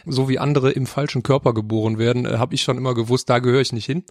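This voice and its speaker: A man's voice: medium pitch, fairly even intonation, quick pace, a little mellow, dry recording, studio quality. A man from Mönchengladbach, a podcast guest, speaking earnestly and with enthusiasm. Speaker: guest, tour company co-founder. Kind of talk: casual podcast interview.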